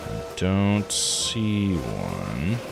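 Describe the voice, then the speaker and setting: A deep-voiced, creaky male streamer speaks very slowly, his pitch swinging a lot. He narrates a casual let's-play over game music, reading text aloud and thinking through his moves.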